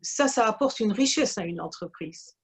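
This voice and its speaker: A woman of Franco-Belgian and Iranian origin, a business owner, speaking haltingly in an online meeting with many fillers. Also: mid-range voice, lively intonation, breathy edge.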